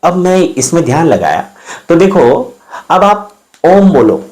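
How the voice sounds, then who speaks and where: A man's voice: a little high, very animated, a little slow, a little mellow. A man giving an informal spoken lesson, explaining as he goes, sounding out vowels and consonants one by one and often checking in with his listeners.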